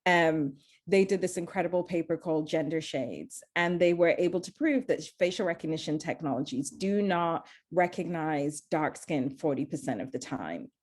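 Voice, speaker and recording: Speaking on a discussion panel, this woman from Zambia has a deep voice that moves with lively intonation at an ordinary pace. She comes across as earnest and searching, frequently breaking off to start her sentences over.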